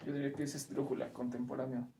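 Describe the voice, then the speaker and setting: A man's voice: mid-range voice, little pitch movement, fast, vocal fry, dark tone. A man giving short, hesitant answers as a learner in a lesson. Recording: distant and echoey.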